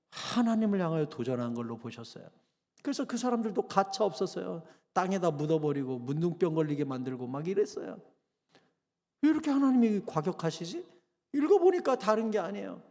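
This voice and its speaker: A middle-aged man preaching a fervent sermon in a church, his fairly high voice swinging widely and often turning gravelly. He fires rhetorical questions at the congregation. The sound carries a long echo from the hall. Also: darkish tone. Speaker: pastor. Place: church sanctuary.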